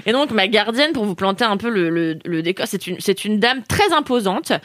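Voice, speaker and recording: A woman's voice: mid-range voice, moderate pace, no room sound, clean studio sound. A young woman co-hosting a casual podcast, telling funny stories with laughter and acted-out quotes. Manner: lively, laughing storyteller, acts out quotes. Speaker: podcast co-host. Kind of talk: casual podcast chat, storytelling.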